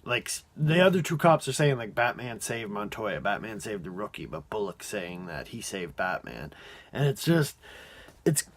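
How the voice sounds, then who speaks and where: An amateur reviewer gives a casual, off-the-cuff review, rambling and halting as he pads with "like" and lets sentences trail away. His voice is lowish and very animated.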